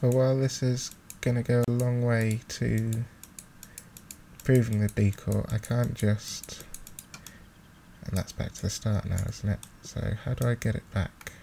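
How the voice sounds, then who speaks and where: This let's play host's voice is mid-range, gravelly and dark-toned, delivered flatly at a slightly slow pace. He muses aloud in a relaxed, hesitant way, his mouse clicking in the background. The high-gain desktop mic sits close and catches keyboard clatter too.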